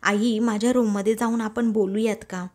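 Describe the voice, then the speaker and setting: A woman's voice: a little high, fairly even intonation, moderate pace, a little mellow, natural voice. A woman voicing an earnest young son insisting on a serious talk, in a retold TV serial scene.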